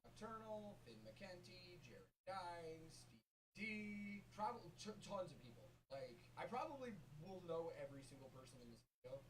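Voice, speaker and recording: A man hosting a reaction video in casual, excitable chat, swearing freely and laughing often. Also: fairly high pitch. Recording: distant mic with loud background noise.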